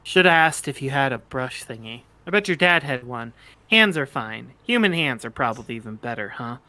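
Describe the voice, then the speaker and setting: A man's voice: medium pitch, animated, moderate pace, sharp tone, dry recording. A man voicing a snarky, awkward teenage bird-boy sprite in an amateur fan fiction reading, rambling and stammering in casual slang. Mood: wry teasing. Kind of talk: amateur fan fiction read-aloud, character dialogue.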